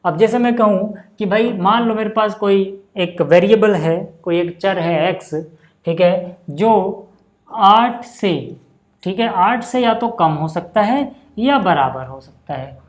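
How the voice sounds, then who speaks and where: Male maths tutor, patient and repetitive, checks in constantly with rhetorical questions. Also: high voice. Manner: patient, repeats examples slowly. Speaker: maths teacher. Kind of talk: whiteboard maths lesson.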